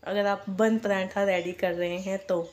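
A woman's voice: medium pitch, steady tone, measured pace, darkish tone. A middle-aged woman hosting a home cooking channel, narrating a recipe step by step in a friendly, instructive way.

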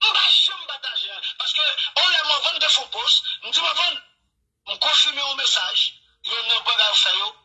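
A man's voice: very high voice, lively intonation, moderate pace, sharp tone, low-quality recording. A man with a Haitian accent in casual radio talk, rambling and repeating phrases.

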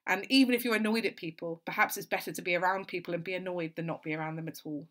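Low-voiced woman tutor explaining calmly. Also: racing. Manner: thoughtful, steady explaining with frequent "so" and "kind of". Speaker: English literature tutor. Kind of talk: explanatory exam-revision lesson.

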